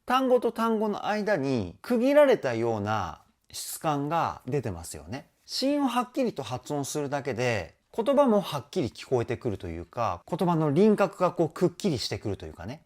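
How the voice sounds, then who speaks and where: Lively, enthusiastic male vocal coach. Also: a little high, moderate pace, hardly any pauses. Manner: enthusiastic, chatty, often adds ね; sings short snippets to demonstrate. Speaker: vocal trainer. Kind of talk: music video reaction and vocal analysis.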